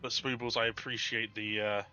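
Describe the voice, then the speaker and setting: Bright-voiced British man, stuffed-up nose. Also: lowish voice, little pitch movement, normal speed, lo-fi sound, faint music behind. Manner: self-deprecating. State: congested with a bad cold, tissue stuffed up his nose. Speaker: streamer, host. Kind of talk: casual live game-stream chat.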